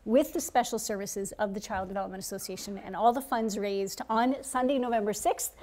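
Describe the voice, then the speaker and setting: A woman's voice: mid-range voice, fairly quick, darkish tone. A middle-aged woman hosting local TV, with an upbeat, enthusiastic and emphatic way of presenting. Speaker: TV host and roving reporter. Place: indoor hallway and small room.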